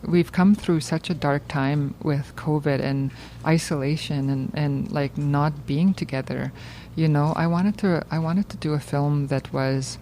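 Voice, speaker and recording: Halting woman filmmaker in an interview. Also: deep voice, fairly even intonation, dark tone, a little hiss or hum, rough recording. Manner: halting, searching for words. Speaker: filmmaker guest. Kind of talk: conversational interview.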